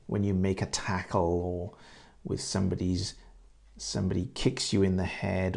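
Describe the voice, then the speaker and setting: A middle-aged man from England talks through conversation questions like a patient teacher, repeating phrases so learners catch them. His voice sits low and mellow with a gravelly edge, and he takes his time. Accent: English. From Great Britain. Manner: repeats words and phrases slowly and clearly for learners. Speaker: English teacher. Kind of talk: conversation-practice lesson, asking and answering questions.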